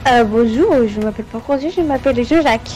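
A woman's voice: on the high side, fast talker, pitched below the performer's own voice, lightly acted. A woman voicing a sneaky, cowardly one-eyed male intruder who whines and pleads his innocence. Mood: pleading. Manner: whiny, pleading denials.

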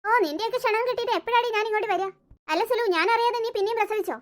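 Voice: very high voice, rapid-fire. A voice actor playing a scheming, scolding old grandmother in a cartoon story, nagging and sarcastic. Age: older. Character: scheming, scolding old grandmother who hates the adopted boy.

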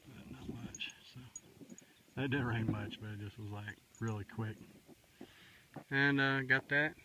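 A middle-aged outdoor survival vlogger with a lowish voice chats casually beside a woodland creek, rambling in a folksy way full of fillers. He holds the camera at arm's length, and its outdoor mic picks up a noisy recording.

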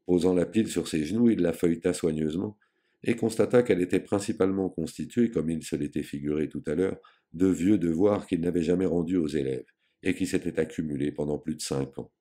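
Deep-voiced man narrating an audiobook. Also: brisk, mellow.

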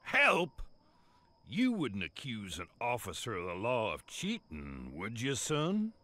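A man voicing a stern older small-town sheriff car in an animated game, scolding with folksy authority. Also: medium pitch, slow, heavily acted. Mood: indignant. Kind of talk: animated game cutscene acting.

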